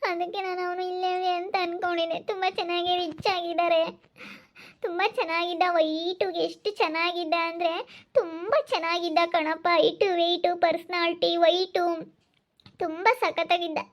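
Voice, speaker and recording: A woman's voice: very high voice, level tone, moderate pace, dull audio. A woman playing a young village woman who rambles wistfully about a man she was fooled by.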